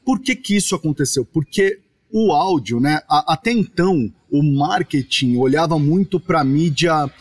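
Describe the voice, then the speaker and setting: A man from Brazil, a podcast guest, explaining his topic at length in casual chat with animated asides. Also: a little high, normal speed, hardly any pauses.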